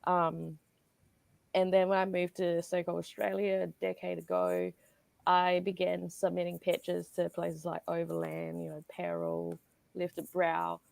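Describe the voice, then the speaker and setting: Low gravelly woman, casual talk. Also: a little mellow, dry recording. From Singapore. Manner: casual, many fillers, trailing asides. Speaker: guest writer and editor. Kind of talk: conversational panel interview.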